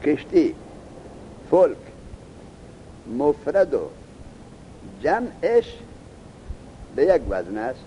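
A man teaching a grammar lesson, explaining slowly and questioning his students. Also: fairly high pitch, huge pitch swings, lo-fi sound, a little hiss or hum. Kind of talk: classroom lesson on Arabic morphology.

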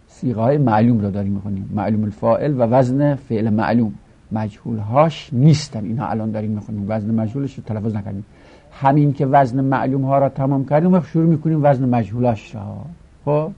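A man's voice: medium pitch, creaky, husky. A man teaching a grammar lesson, reciting verb forms in a rhythmic, chanting way. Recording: dull lo-fi recording.

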